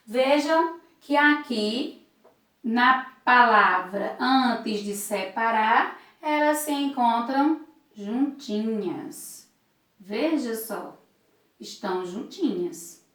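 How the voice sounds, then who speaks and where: A woman teacher from Brazil gives a lesson in a slow, patient voice, sounding out each syllable with care. Her voice sits a little high. It is recorded from a distance in a strongly echoing room. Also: fairly bright tone. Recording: echoey room, voice far from the mic.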